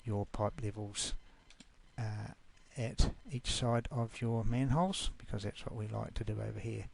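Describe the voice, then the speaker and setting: A man from New Zealand, with a New Zealand accent, leads a laid-back, informal screencast walkthrough of a software class. He talks unhurriedly in a steady tone, his voice low-pitched and gravelly.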